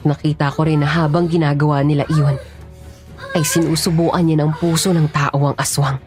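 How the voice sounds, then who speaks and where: A woman giving scripted first-person narration of a horror story, serious and steady. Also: low-pitched, normal speed, soft background music.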